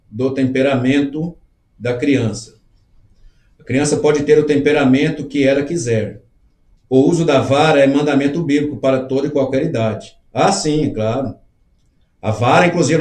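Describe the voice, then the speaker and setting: A man's voice: mid-range voice, darkish tone, echoey room. A middle-aged man hosting a live show, reading comments aloud and talking them through in an earnest, conversational way. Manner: earnest, conversational, acts out little dialogues.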